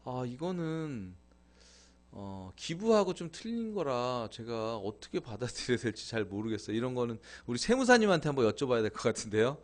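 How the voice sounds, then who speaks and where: A man's voice: mid-range voice, sing-song, brisk. Chatty man hosting a live stream. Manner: chatty, thanks viewers, laughs often. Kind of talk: casual live-stream talk.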